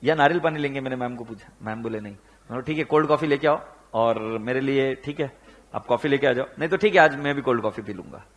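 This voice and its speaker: A man with an Indian accent teaching accounts, telling animated anecdotes and acting out the people in them, with rhetorical questions to his students. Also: mid-range voice, fast talker. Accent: Indian, Pune area. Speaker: accounts lecturer. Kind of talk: storytelling lecture mixing Hindi and English.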